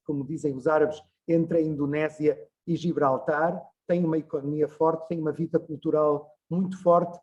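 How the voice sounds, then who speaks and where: A man's voice: fairly high pitch, a little mellow, lo-fi sound. A man, giving an online lecture as a journalist, talking discursively with frequent hesitations over a video call. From Portugal.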